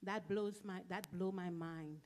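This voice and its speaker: A woman's voice: lowish voice, fairly even intonation, unhurried, a little mellow. A middle-aged woman from Trinidad, giving a heartfelt memorial eulogy in short, emphatic phrases as a church member.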